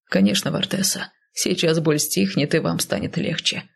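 A woman voicing a male healer who speaks dryly and without emotion, in a low mumble. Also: normal speed, vocal fry, husky, exaggerated voice. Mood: dry clinical. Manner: dry, flat and unemotional, mumbling. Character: dry, matter-of-fact male healer.

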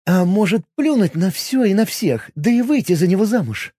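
A haughty young high-elf rogue woman from a fantasy audiobook, as a male reader puts her on, talking in a silky, condescending way that turns imperious. Her voice sits far above a man's own, swoops widely and stays mellow. The recording is close and dry. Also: sing-song, moderate pace, breathy edge, no room sound, full character voice.

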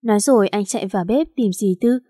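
Mellow-voiced woman narrating a romance. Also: medium pitch, fast, no echo, clean studio sound. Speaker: audiobook narrator. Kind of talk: scripted narration of a romance story.

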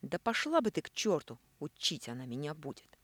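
Storybook role: boozy mocking man, loud and quick to snap, read by a woman, lively pitch. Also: breathy edge, no echo, full character voice. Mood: angry. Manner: sneering, loud, quick to anger. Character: brash boozy middle-aged man, mocking, hot-tempered.

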